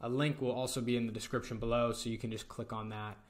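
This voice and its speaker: A young man narrates a screen-recorded software tutorial, walking through it step by step in a relaxed way. His voice is at an ordinary middle pitch, and he talks fast.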